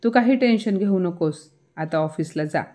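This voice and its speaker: A woman's voice: lowish voice, expressive, normal speed, dark tone, natural voice. A woman voicing a proud older mother-in-law who scolds sharply in a family story. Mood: scolding.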